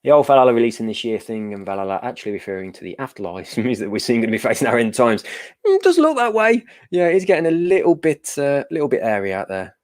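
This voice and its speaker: A man's voice: mid-range voice, big pitch swings, fast, a little mellow. A middle-aged man hosting a giveaway livestream, chatting casually, answering viewer comments and telling jokey stories. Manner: laughing, jokey storytelling.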